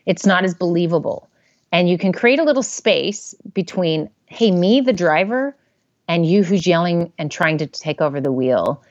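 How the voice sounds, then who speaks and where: Woman therapist guest, lowish voice, animated and chatty, dull dry sound. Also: moderate pace, no room sound. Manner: animated, acts out inner voices in quotes. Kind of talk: casual interview talk.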